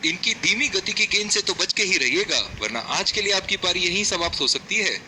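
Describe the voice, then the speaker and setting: A man voicing an excitable cricket commentator in a video game, with animated, dramatic phrasing. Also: high voice, a little fast, full character voice. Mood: excited, engaged. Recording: noisy stadium game audio.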